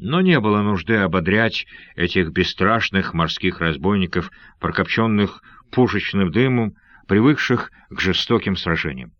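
A low-voiced male narrator reading an adventure story in a steady, measured manner. The recording is dry with no room sound and a slightly dull, lo-fi tone. It sounds like a classic audiobook. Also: dry recording. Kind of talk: scripted narration of an adventure novel.

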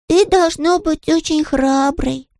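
A woman reads aloud, voicing a tiny, fluffy yellow chick girl who is curious and chatty, squeaking out a steady stream of eager questions. The pace is slow and the recording is dry, with clean studio sound.

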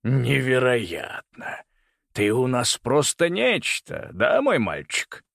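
A man's voice: mid-range voice, wildly swooping pitch, slow, creaky, a bit bright, dry recording, clean studio sound, heavily acted. A man voicing a ruthless older grandfather, lord of birds, with a menacing, sneering manner. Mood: mocking. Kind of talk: audiobook character voice.

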